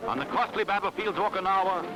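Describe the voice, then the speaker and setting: A man's voice: high-pitched, steady tone, fast, music in the background, low-quality recording. A man narrating a 1940s newsreel in an emphatic, dramatic announcing manner.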